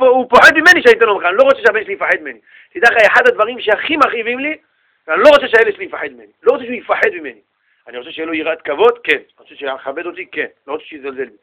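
High, bright-voiced man teaching Torah. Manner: animated, asks his listeners questions and acts out the people in the story. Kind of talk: Torah lesson to students.

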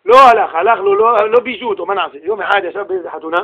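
A man giving a religious sermon in a casual slangy way, animated and acting out the people in his stories. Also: sits high, creaky, slightly rough, muffled recording. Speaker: religious lecturer. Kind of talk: Torah sermon told in street slang.

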